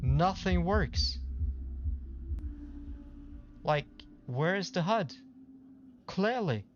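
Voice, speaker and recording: A man streaming live, talking to himself in exasperation while fixing his setup, his voice coming through a bassy, boomy mic. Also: animated, drawn-out words. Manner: exasperated, swearing, talks to himself. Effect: bassy, boomy mic sound. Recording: muffled stream audio with loud music behind.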